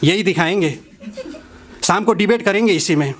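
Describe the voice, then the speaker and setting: A man's voice: sits high, moderate pace, natural voice. A man voicing a scheming male news editor who talks down to his junior reporter in a patronizing way. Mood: smug, scheming. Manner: patronizing, calls the junior "beta".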